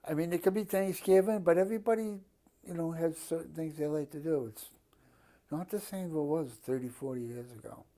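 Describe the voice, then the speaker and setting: A man's voice: on the high side, a little fast, mellow. A man in his fifties with a Boston accent, chatting casually and bluntly as he answers an interviewer's questions. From Boston area, Massachusetts, USA. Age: 50s. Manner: blunt, plain-spoken, given to swearing. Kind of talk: casual chat.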